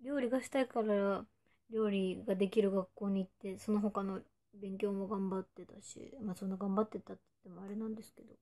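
A woman's voice: mid-range voice, steady tone, brisk, warm tone. A woman in her twenties, an idol chatting casually on a livestream and reading out fan comments in a playful way, sometimes dropping to a whisper. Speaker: idol streaming to fans.

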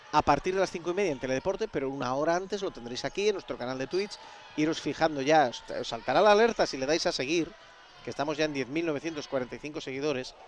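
A man's voice: fairly high pitch, a little hiss or hum. A man with a Spain Spanish accent doing live basketball play-by-play, chatty and talking straight to the viewers in the stream chat. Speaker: play-by-play commentator.

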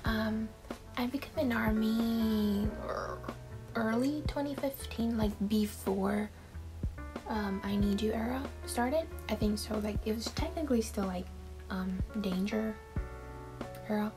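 Her voice is fairly high and unhurried as this twenty-something Taiwanese vlogger does a casual Q&A to camera from her bedroom. Music plays in the background, the audio is poor, and she uses frequent fillers and little laughs.

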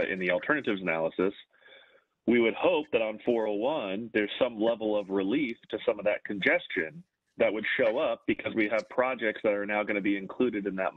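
A planner on a webinar explains things to colleagues over a video call, checking in with rhetorical questions. His voice is lowish and at normal speed, with no echo, coming through a tinny, dry, phone-like line.

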